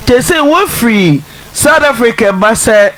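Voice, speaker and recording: A man's voice: extremely high pitch, animated, a little slow, a bit bright. A man with a Ghanaian accent hosting a radio talk show, laying out the story steadily. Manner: setting out the story steadily for listeners. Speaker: radio host.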